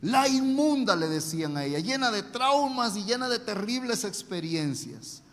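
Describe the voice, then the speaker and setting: Preacher man, high voice, echoing hall. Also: big pitch swings, bright, forceful tone. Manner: storytelling, emphatic with dramatic pauses. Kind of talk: sermon.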